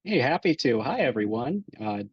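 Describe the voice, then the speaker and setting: A man introducing himself as a consultant on a webinar from his phone, friendly and halting with many fillers. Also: mid-range voice, big pitch swings, slightly rough, no echo. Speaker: value consultant. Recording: dull, dry phone audio.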